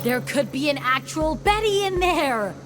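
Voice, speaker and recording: A gushing young pop-culture fan. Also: female voice, high-pitched, animated, unhurried. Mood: excited. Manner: gushing, enthusiastic. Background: game music.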